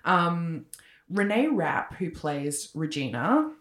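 A woman's voice: on the low side, big pitch swings, slow pace, fairly bright tone. A woman in her thirties, co-hosting a podcast in a casual, rambling chat full of likes and ums. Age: 30s. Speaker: podcast co-host. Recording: echoey room.

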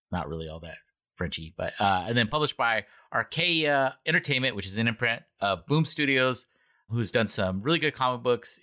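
A man co-hosting a casual book club podcast, talking in a rambling, animated way and often correcting himself. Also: on the low side. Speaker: podcast co-host.

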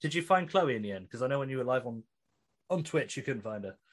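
A young British man hosting a podcast, animated and blunt, swearing as he jokes. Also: medium pitch, fast. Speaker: podcast host. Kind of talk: casual podcast chat.

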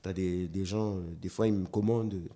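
A man, a dancer and slam artist, chatting as a guest in an interview, telling animated stories and acting out quotes, with frequent restarts. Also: sits low, fairly quick. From New Caledonia. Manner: animated storyteller, acts out quotes, stammers on restarts. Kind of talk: casual interview chat.

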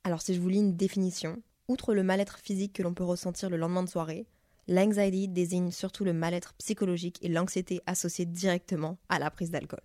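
A woman's voice: lowish voice, little pitch movement, fast talker, mellow, dry recording, studio quality. A woman in her twenties with a French accent, hosting a casual podcast monologue and talking candidly, swearing freely. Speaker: podcast host.

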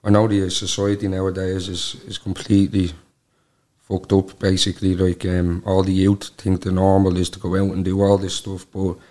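A man in his twenties with a Dublin accent speaks in a low voice that stays very flat. He talks colloquially as an interview guest, peppering his speech with little tag phrases. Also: moderate pace. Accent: Dublin Irish. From Dublin, Ireland. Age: 20s. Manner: colloquial, peppered with "like" and "you know what I mean". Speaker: podcast guest. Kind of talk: casual personal interview.

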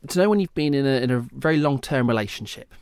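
A man's voice: mid-range voice, expressive, fast, a little mellow, clear, resonant tone, no room sound, studio quality. A man with a Leicester accent hosting a casual football discussion in a discursive, explanatory way. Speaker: football podcast host.

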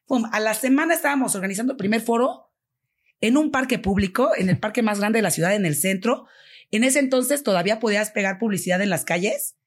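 A Mexican woman, a foundation founder, telling a story in an interview and acting out the dialogue with lively voices. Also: mid-range voice, fast, slightly rough. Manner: animated, acts out quoted dialogue.

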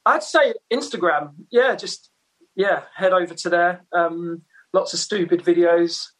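A man's voice: sits high, measured pace, a bit bright, low-quality recording. A man from Essex chatting casually as an interview guest, with laid-back slang and a self-deprecating manner. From Essex, England. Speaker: musician, podcast guest.

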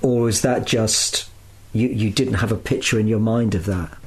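A man's voice: fairly low pitch, steady tone, moderate pace, breathy edge. A man hosting a podcast, asking questions in a musing way and often stammering at the start of phrases. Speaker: podcast host. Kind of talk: podcast interview.

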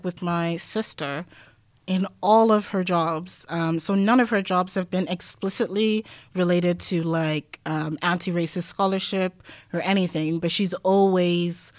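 A woman guest scholar who grew up in Denmark, talking through her ideas in a relaxed podcast interview, thinking aloud with many "like"s and "um"s and the odd wry laugh. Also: fairly low pitch, measured pace, dry recording, studio quality. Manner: reflective, thinks aloud with frequent "like" and "um"; laughs easily, wry asides.

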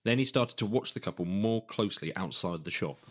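A man co-hosting a news podcast, explaining events in a brisk, scripted way. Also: fairly low pitch, lively intonation, husky. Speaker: podcast co-host and reporter.

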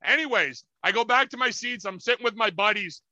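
A man's voice: high-pitched, a little fast, no room sound, lo-fi sound. A young man telling a rowdy, profane story as a podcast co-host over a video call. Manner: animated, profane, acts out quotes in loud voices. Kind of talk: casual storytelling chat.

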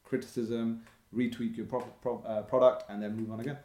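A man's voice: mid-range voice, flat delivery, brisk, dark tone. A man in his thirties, a podcast guest, giving earnest, motivational business advice in casual conversation. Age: 30s. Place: indoor room with bookshelf. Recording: roomy echo.

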